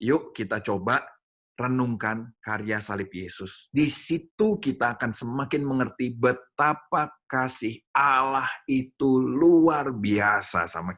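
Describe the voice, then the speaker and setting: A middle-aged man preaches a teaching talk to a church gathering, his tone bright and forward. He speaks animatedly, turning to address his listeners directly as he explains. His pitch sits in a middle range for a man. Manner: animated, addresses listeners as "saudara", acts out dialogue with his child. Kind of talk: sermon-style teaching talk.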